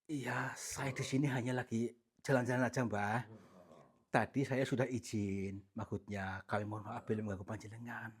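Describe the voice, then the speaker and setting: Husky man whispering in the dark. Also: mid-range voice, fairly even intonation, normal speed. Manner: polite, pleading, often whispering. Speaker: ghost-hunting vlogger. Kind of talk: hushed paranormal investigation.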